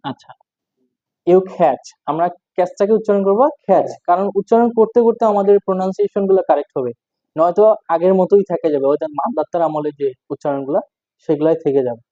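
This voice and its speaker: A man giving a casual spoken English lesson, repeating phrases and quizzing his listeners, with slow spelled-out English examples. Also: sits high, dry recording. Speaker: English teacher. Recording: tinny narrow dry sound.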